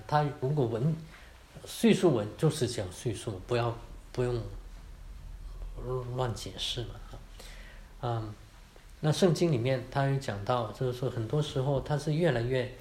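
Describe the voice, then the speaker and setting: A man's voice: medium pitch, dark tone. Guy teaching a church bible class, chatty, says ha and ah a lot, roomy echo. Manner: informal, adds particles like 哈 and 啊, mixes in English words. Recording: echoey room.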